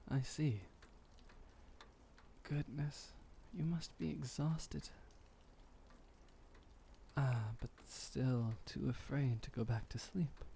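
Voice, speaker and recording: A man plays a tender, courtly vampire in an ASMR roleplay, murmuring comfort in a fairly high yet dark, velvety voice at a very unhurried pace. Concerned and tender, he speaks softly and soothingly in formal, old-world phrasing with breathy sighs, over light background noise.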